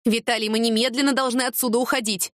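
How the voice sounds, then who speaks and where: Woman playing a hot-tempered young heroine, raised high voice, emphatic, dry audiobook sound. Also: fairly even intonation, a bit bright, no echo, lightly acted. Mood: urgent. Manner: heated, emphatic, quick retorts. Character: young woman, fiery and impulsive. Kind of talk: audiobook character reading.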